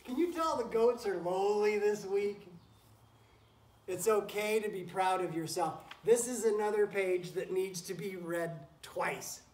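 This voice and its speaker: With a voice that sits high but has a darkish tone, a man reads a picture book to children a little slowly, like a teacher, encouraging them and stopping for asides to the animals. He's among goats and chickens in a wooden barn pen with straw. The camera recording from a few feet away is roomy and noisy.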